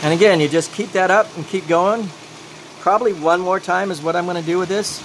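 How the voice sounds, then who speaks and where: A man with a somewhat high voice talks through a practical demonstration in a loose, rambling way. His speech sounds toothless, the consonants slightly soft and mushy. A loud, steady engine-like noise runs behind him. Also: fairly quick. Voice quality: toothless, slightly mushy articulation without dentures. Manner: rambling, talks himself through each step. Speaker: glassworking instructor. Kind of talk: informal hands-on demonstration.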